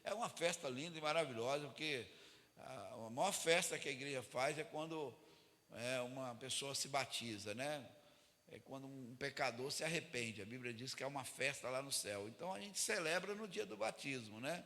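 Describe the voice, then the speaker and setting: A Brazilian evangelical pastor preaches informally to church leaders, speaking colloquially at normal speed and often asking for amens and confirmation. His medium-pitched voice is pushed and bright, and a long reverb fills the echoey hall.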